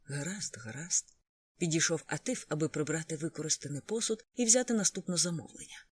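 A steady audiobook reader narrating a first-person story, calm and even in delivery. The voice sits in a middle range, and the recording is dry and close, with no room sound. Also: mid-range voice, fast talker, breathy edge, no room sound.

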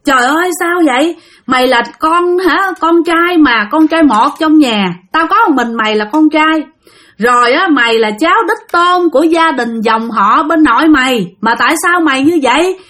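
Brief: woman plays a frantic mother begging, high and loud. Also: moderate pace. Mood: pleading. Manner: wailing, pleading. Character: distraught middle-aged mother pleading for her son.

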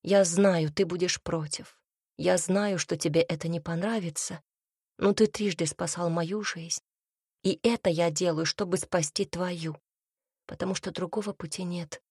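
Woman doing a pleading young heroine from a novel, low husky voice, dry close sound, earnest. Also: steady tone, measured pace, darkish tone, dry recording. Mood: resolute. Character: young woman, self-sacrificing, tearful, pleading.

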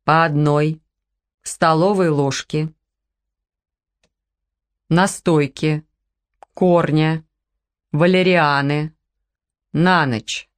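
A woman voicing a calm male veterinarian who speaks slowly and drags out his words in a deadpan way. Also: low voice, clean tone. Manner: slow, drawn-out, deadpan. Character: calm, dry, unhurried older male vet.

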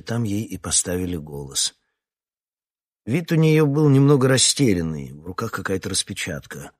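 A man narrating a first-person story in a weary, wry audiobook reading. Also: lowish voice.

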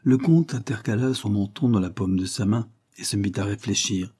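A man narrating a classic novel in a measured, even husky voice. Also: on the low side. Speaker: audiobook narrator.

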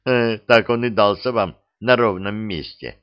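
A man reading a hot-tempered young Cossack who shouts in indignation. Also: on the low side, unhurried, smooth, muffled recording, lightly acted. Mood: angry.

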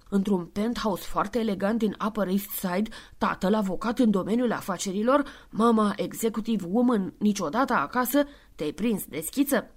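A woman narrating a literary audiobook in a lively, expressive storytelling manner. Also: medium pitch. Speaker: audiobook reader.

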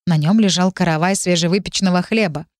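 A woman reading a first-person fantasy audiobook in a lively, expressive way. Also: fairly low pitch, quick pace, no room sound, studio quality. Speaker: audiobook narrator.

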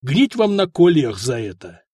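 A man's voice: fairly high pitch, sing-song, measured pace, mellow, breathy edge, no echo, studio quality, exaggerated voice. Man voicing a furious cursing loyal nobleman. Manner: angry, cursing. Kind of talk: audiobook character voice.

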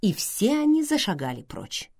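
A woman's voice: medium pitch, huge pitch swings, moderate pace, vocal fry, a little mellow. A woman narrating a novel aloud, voicing each character expressively.

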